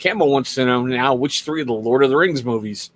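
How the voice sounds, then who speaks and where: A man's voice: mid-range voice, lively intonation, brisk, slight background noise. A man hosting a casual livestream interview, upbeat and reading out viewer questions from the chat. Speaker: host.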